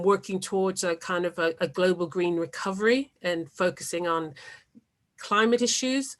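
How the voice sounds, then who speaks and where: A woman's voice: fairly low pitch, fairly bright tone. A woman hosting an online church meeting, speaking with many fillers and restarts as she moderates questions. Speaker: webinar host.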